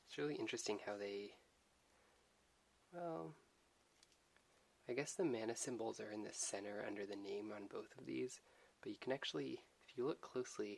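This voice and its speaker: A soft-spoken man giving an unhurried ASMR unboxing commentary. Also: on the low side, vocal fry. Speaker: host of an unboxing video. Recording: hissy background noise.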